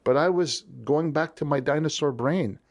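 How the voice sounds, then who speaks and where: A man talking as an interview guest, with an animated storytelling manner. He acts out the voices of people he quotes, and his pitch moves around a lot as he explains his points. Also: normal speed. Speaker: leadership strategist guest. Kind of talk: conversational interview.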